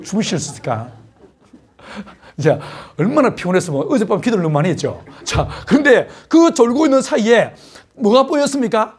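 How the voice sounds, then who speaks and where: A male pastor preaching a sermon in a church worship hall, animated and full of rhetorical questions. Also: sits high, husky.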